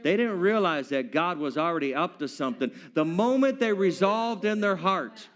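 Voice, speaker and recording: Male preacher, high voice, playful sermon delivery, acts out scenes in voices. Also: lively intonation, normal speed, fairly bright tone. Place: church.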